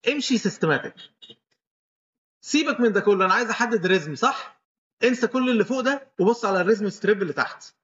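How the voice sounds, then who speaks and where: Quick, high-voiced Egyptian lecturer quizzing students. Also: male voice, animated, a bit bright, dull audio. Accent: Egyptian Arabic. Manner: quizzing, step-by-step teaching. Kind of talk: medical lecture with questions to students.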